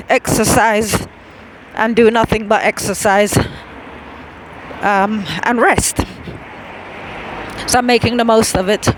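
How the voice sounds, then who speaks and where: Slow-talking woman vlogging outdoors. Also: fairly high pitch, a little hiss or hum, poor audio. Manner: rambling, with many fillers and restarts. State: slightly out of breath from walking. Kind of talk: casual chat while walking.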